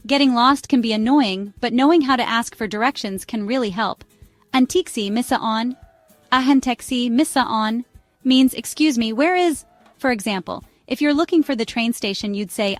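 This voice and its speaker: Bright tutor woman, upbeat and clear, repeats phrases slowly. Dry close mic, faint music bed. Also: a little high, no echo. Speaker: language tutor. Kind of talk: scripted travel phrase lesson.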